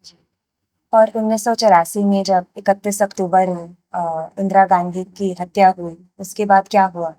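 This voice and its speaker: A woman's voice: medium pitch, steady tone, a little slow, mellow, no room sound. A woman interviewer asks brief, polite questions and gives respectful prompts.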